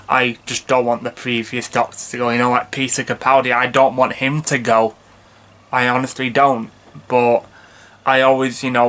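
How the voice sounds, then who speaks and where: A man's voice: medium pitch, pushed and bright. A man of twenty-one talks in a casual fan vlog, rambling and earnest, with lots of "you know" and restarts. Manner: earnest, heartfelt fan enthusiasm. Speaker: vlogger, channel host.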